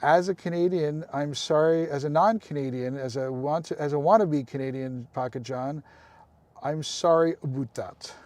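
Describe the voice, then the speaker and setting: Male streamer, slightly high voice, casual chat with viewers, talks to people by name. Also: normal speed, hardly any pauses, darkish tone, dry recording. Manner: chatty, addresses viewers by name, apologetic asides. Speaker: live streamer.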